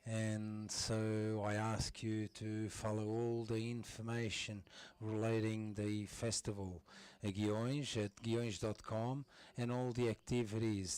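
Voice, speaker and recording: Slow, halting man. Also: on the low side, a little mellow, dry recording. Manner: halting, stop-and-start delivery. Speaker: simultaneous interpreter. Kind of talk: live interpreting of ceremony speeches.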